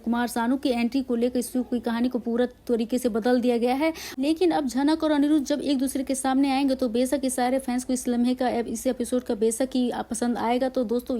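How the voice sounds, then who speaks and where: A woman with a high voice gives chatty updates on a television serial. She talks straight to her viewers as friends, often restarting her words mid-sentence. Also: mellow. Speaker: TV serial gossip presenter.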